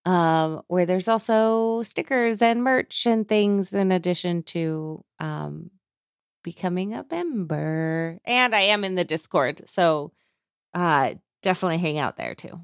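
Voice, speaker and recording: A woman's voice: lowish voice, a little slow, smooth, no echo, studio quality. A woman co-hosting a podcast, casually plugging her links in a friendly, upbeat way. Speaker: podcast co-host.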